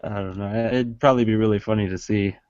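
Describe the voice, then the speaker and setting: A man joining a casual video call as a guest, making dry, low-key remarks. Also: steady tone, fast, darkish tone, smooth, dry recording, highs cut off. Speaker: guest, fellow cast member.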